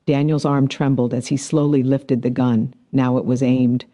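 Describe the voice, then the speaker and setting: A man narrating a science fiction story in a measured, dramatic storytelling manner. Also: medium pitch, little pitch movement, warm tone. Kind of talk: scripted narration.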